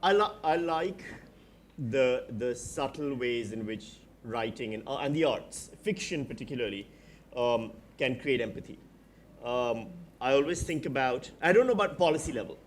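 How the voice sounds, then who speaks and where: A man's voice: mid-range voice, lively intonation, normal speed, slight background noise. A man in his forties from Pakistan, speaking as a panelist at a live festival discussion, reflective and frank with dry asides. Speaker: panelist, writer and comedian. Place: festival stage before an audience.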